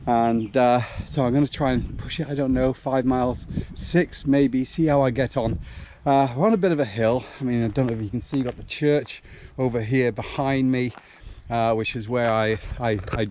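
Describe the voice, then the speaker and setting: A man's voice: mid-range voice, darkish tone. A man out of breath, chatting casually to his vlog while jogging outdoors on an uphill road. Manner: talking while jogging, puffing. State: out of breath, occasional cough. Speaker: running vlogger. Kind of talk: casual vlog chat to camera. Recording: noisy outdoor recording.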